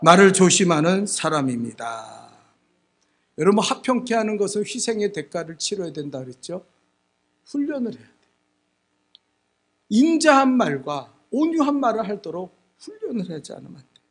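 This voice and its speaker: A man's voice: high-pitched, very animated, a little fast, breathy edge. A male pastor preaching a sermon, telling a story with emphatic, repetitive phrasing. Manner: emphatic storytelling, repeats words for stress.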